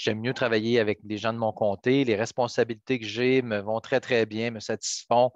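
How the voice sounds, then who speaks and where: A man's voice: medium pitch, dry recording. Muffled middle-aged man with Quebec French accent. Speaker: politician, interview guest. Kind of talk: conversational interview answers. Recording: dull, lo-fi band-limited sound.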